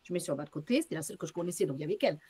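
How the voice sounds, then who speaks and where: A woman medium, interviewed as a guest, telling stories in a casual, lively way, acting out bits of dialogue and using casual slang. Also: on the low side, racing, husky. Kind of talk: casual storytelling.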